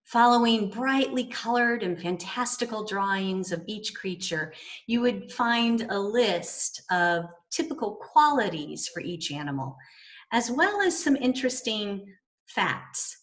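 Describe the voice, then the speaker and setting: A woman minister giving a sermon in a measured, gently wry way. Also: medium pitch, lively intonation.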